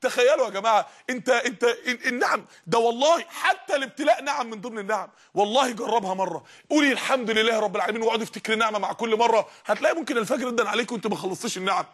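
Fast, fervent Egyptian preacher. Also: male voice, very high-pitched, a bit bright. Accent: Egyptian Arabic. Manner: fervent, emphatic, rapid, raises voice at times. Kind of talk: energetic religious lesson.

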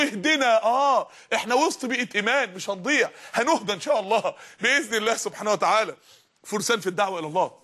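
A man's voice: very high-pitched, pushed and bright. A man preaching with an Egyptian Arabic accent, fervent and emphatic, raising his voice at times. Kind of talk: energetic religious lesson.

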